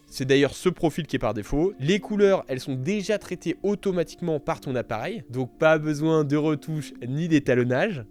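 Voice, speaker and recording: Casual male tutorial host, fairly high voice, chatty and direct with the viewer, faint music underneath. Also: a little mellow. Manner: friendly, addresses viewer informally.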